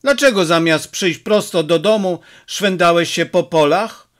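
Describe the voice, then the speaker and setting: A man's voice: high voice, unhurried, fairly bright tone. A man doing a short-tempered village father. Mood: angry, scolding. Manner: scolding, exasperated.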